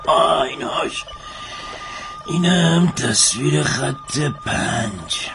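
A man's voice: a little high, huge pitch swings, gravelly, background noise, full character voice. A man voicing an impatient, sardonic police commander who gives curt orders. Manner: curt, exasperated. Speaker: senior police officer.

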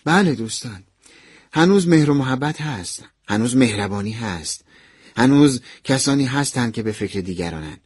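A man narrating a listener's first-person story in an expressive, dramatized radio style. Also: mid-range voice. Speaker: narrator reading a listener's letter.

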